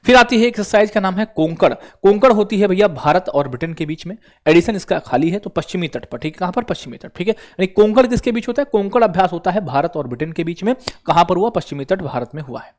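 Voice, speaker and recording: A man's voice: high-pitched, lively intonation, fast, few pauses. A man teaching exam prep, who keeps asking the viewer questions and answering them himself. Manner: repeats questions to the viewer and answers them, calls listeners brother.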